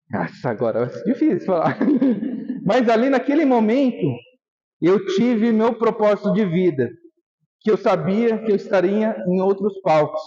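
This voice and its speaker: Emotional high-voiced man giving a motivational talk. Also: darkish tone, long reverb tail. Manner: emotional, storytelling, acts out remembered scenes. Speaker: motivational speaker. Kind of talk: live motivational talk on stage. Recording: dull lo-fi live stage recording.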